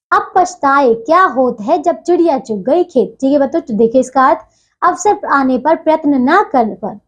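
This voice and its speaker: A woman teacher explaining a textbook lesson to children, patiently repeating phrases and checking in often. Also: sits high.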